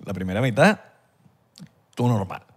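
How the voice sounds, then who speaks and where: A man's voice: lowish voice, expressive, normal speed, husky. A man co-hosting a podcast, talking bluntly with heavy slang and swearing. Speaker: podcast co-host. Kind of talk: casual chat.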